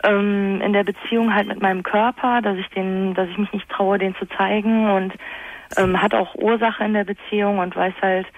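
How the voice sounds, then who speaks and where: A woman's voice: medium pitch, flat delivery, normal speed. A woman in her twenties, calling a radio show over an old phone, talking hesitantly with many fillers. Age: 20s. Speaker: caller. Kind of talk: radio call-in chat. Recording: tinny dry phone line.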